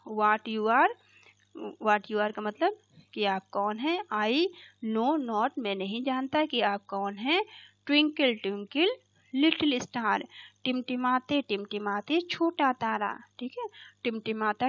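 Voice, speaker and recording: Line by line, a woman teacher breaks down an English poem in Hindi, reading the original slowly and punctuating points with "theek hai." Her pitch is fairly high, and the dull, dry lo-fi recording has no echo.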